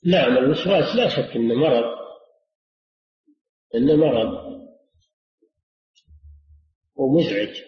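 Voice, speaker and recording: A man, a religious scholar, answering questions in a lecture, measured and repeating key phrases for emphasis. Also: mid-range voice, lively intonation. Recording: roomy lo-fi lecture recording.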